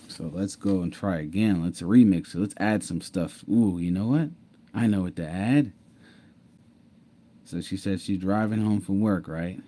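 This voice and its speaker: A man's voice: low voice, measured pace, mellow. A man casually telling his own story to viewers, repeating himself, laughing and saying "mind you". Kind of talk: casual storytelling over screen share.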